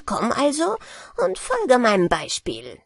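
A crafty old merman from a storybook speaks at a leisurely pace, voiced by a woman reading aloud. His soft, breathy tone rises and falls in a lively way. He sounds sly and warmly coaxing. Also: fairly high pitch, slow pace, no room sound, clean studio sound, pitched above the performer's own voice, full character voice. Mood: sly, hearty. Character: old male merman, sly, hearty, fond of brandy.

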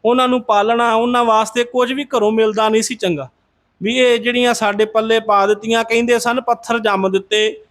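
Male devotional storyteller, very high pitch for a man, conversational retelling, addresses listeners respectfully. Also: level tone, fairly quick, fairly bright tone. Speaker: Sikh religious storyteller.

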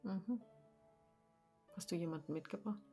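A woman's voice: lowish voice, normal speed, dark tone, soft background music. A woman playing her character in a tabletop role-playing game over a video call, with dry, understated quips. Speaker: player.

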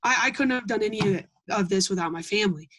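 Talking fast in a medium-pitched, fairly bright voice, a young adult Gold Award scout from Iowa explains her project in an interview. She is earnest, with frequent ums and restarts, over poor audio.

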